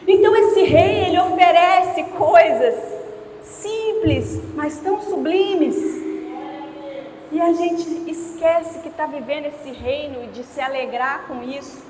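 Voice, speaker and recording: A woman's voice: sits high, slow, a little mellow, slight background noise. A woman preaching a sermon in a church, telling stories and talking directly to her congregation. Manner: storytelling, conversational asides to the congregation. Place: church hall. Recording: echoey church hall.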